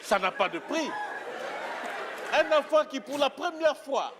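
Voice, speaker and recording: Slow, very high man doing a solemn mock ad. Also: sing-song, a crowd in the background. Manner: slow, solemn, drawn-out delivery. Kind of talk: mock advertisement delivered on stage. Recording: audience and noisy stage ambience.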